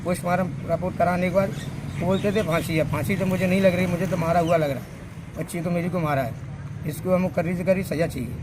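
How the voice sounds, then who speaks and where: A man from Madhya Pradesh talks in a raised, high voice, pressing hard for justice in an outdoor interview. Heavy street traffic hums behind him. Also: fairly even intonation, fast talker. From Madhya Pradesh, India. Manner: agitated, demanding justice. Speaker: victim's brother. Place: outdoors by a road.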